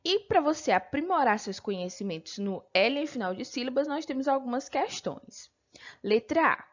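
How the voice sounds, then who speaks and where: A Brazilian woman teacher with a patient manner, slowly explaining a textbook lesson and checking in with her pupils. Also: fairly high pitch, dull audio. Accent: Brazilian Portuguese. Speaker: primary school teacher.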